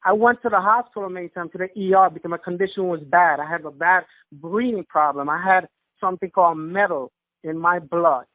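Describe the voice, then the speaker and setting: A man with a notably high voice speaks with fervent, almost preacher-like emphasis, giving an emotional testimonial. The sound is a tinny, dry phone line with no room around it. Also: a little fast, no echo. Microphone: telephone.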